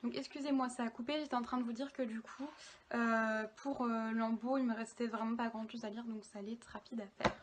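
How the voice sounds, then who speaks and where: A young woman chats in a casual reading vlog, her voice sitting a little high. She talks loosely and hesitantly, often stopping on fillers. It sounds like a phone recording with a faint hiss underneath. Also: flat delivery, fairly quick. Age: young adult. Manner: chatty, many hesitations and fillers. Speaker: book vlogger. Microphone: phone camera.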